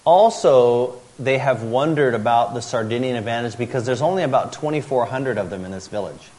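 Male speaker, lecture delivered in short bursts for an interpreter, middle-pitched voice. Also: darkish tone. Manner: pauses after each sentence for translation. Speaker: speaker giving a talk on longevity.

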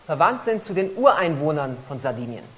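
A woman interpreting a talk phrase by phrase, often pausing and hesitating as she searches for words. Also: sits low, big pitch swings, poor audio. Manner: frequent hesitations while rendering each phrase. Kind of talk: consecutive interpreting into German.

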